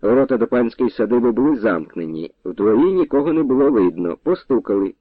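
A man narrating an audiobook with an expressive, storytelling delivery. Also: medium pitch, fast, dry recording. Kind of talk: dramatic audiobook reading. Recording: dry, tinny phone-like sound.

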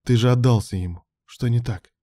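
A man voicing a calm, teasing male lover who speaks low and steady. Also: fairly quick, dry recording, clean studio sound, lightly acted.

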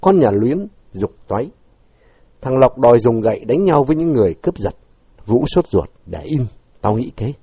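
Husky man reading a story dramatically. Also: medium pitch, sing-song, normal speed, warm tone, no echo. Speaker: narrator. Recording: dull lo-fi dry recording.

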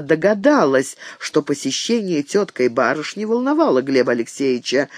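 A man narrating an audiobook in an expressive storytelling manner. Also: on the high side, no echo, clean studio sound. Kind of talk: scripted narration.

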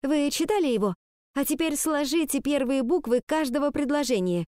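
A woman's voice: high voice, lively intonation, normal speed, darkish tone, no echo, studio quality, voice pushed up. A woman voicing a bold, impatient schoolgirl who talks in an insistent, breathless way. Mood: urgent.

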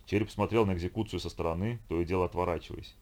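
Guy narrating an audiobook, low voice, reads fast. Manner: brisk, even storytelling. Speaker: audiobook reader. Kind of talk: scripted narration.

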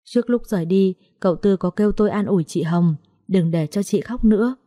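A woman narrating a story in a steady, expressive reading. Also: medium pitch, brisk, no echo, studio quality.

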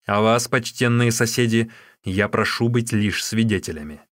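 A male reader voicing a fierce, vengeful young warrior who threatens loudly and forcefully. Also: lowish voice, normal speed, no room sound, studio quality, lightly acted. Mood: grim.

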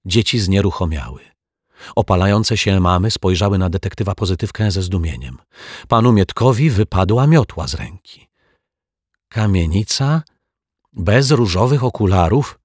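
A man narrating a children's storybook in an expressive, lively storytelling way, close to the mic. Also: sits low, moderate pace, breathy edge, no echo. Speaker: audiobook narrator.

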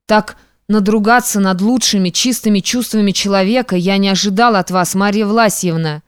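A woman's voice: medium pitch, moderate pace, clear, resonant tone, no echo, clean studio sound, lightly acted. A woman reading the part of an ardent young man who pleads heatedly and nearly breaks into tears. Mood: wounded. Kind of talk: audiobook reading.

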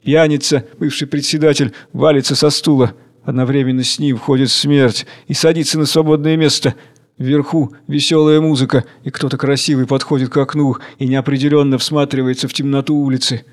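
A man reading the stage directions of a play in a measured, even way. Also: medium pitch. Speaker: reader.

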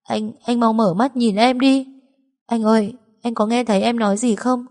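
A woman's voice: medium pitch, fairly quick, pitched above the performer's own voice, close to an everyday voice. A woman voicing a distraught young woman who pleads tearfully, in an audiobook story. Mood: desperate. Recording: long reverb.

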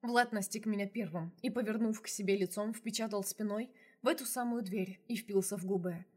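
Husky lady reading a novel out loud, first person, mid pitch. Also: fairly quick. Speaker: audiobook narrator. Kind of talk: first-person audiobook narration.

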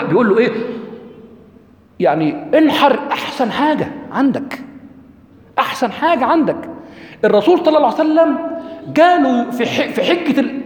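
A man with an Egyptian accent giving a religious lesson to an audience, asking them questions and reciting verses slowly and deliberately. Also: high-pitched. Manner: lively, asks the audience questions, quotes scripture slowly. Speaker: lecturer. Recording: echoey hall.

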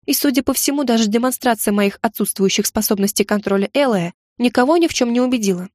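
A woman reading an audiobook gives voice to a proud young witch, sarcastic and quick to snap back. Her tone sits close to the narrator's own, recorded dry and close. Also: on the high side, a little mellow, no room sound, close to an everyday voice. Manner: sarcastic, snapping. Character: young witch heroine, sharp-tongued, proud.

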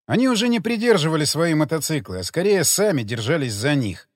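A man's voice: on the high side, very animated, brisk, no echo, studio quality. A man narrating a post-apocalyptic adventure audiobook.

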